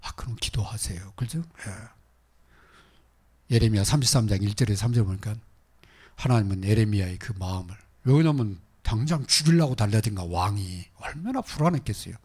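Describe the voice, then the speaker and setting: A male pastor preaches with a husky, slightly breathy voice of fairly low pitch, speaking a little fast with lively intonation. He moves between loud exhortation and hushed, nearly whispered asides, staying earnest and direct with the congregation.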